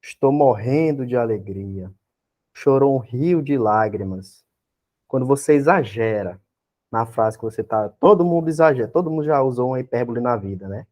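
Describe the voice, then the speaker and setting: A Brazilian man gives an exam-prep lecture in a mellow, warm voice at a middle pitch. He works through each point patiently and keeps asking his class questions to check that they are following. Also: expressive, normal speed. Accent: Brazilian Portuguese. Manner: explains step by step, constantly checks in with tag questions and rhetorical questions. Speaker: teacher.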